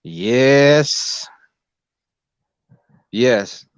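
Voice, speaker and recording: A man's voice: mid-range voice, drawn-out words, clear, resonant tone, no echo. A man on an online call, talking in laid-back friendly banter. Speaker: caller. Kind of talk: casual chat. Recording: dry, muffled call audio.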